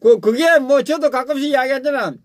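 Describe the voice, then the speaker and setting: Man, host, very high voice, fast talk, dry close sound, cuts in with questions. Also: no room sound. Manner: interjecting questions. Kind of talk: call-in show talk.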